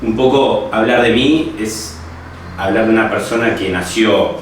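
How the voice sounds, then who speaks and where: A man's voice: lowish voice, unhurried. A young man with a Uruguayan Spanish accent, a history student and teacher, speaking reflectively with many restarts and tag questions in a personal interview. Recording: echoey room, distant mic, faint noise.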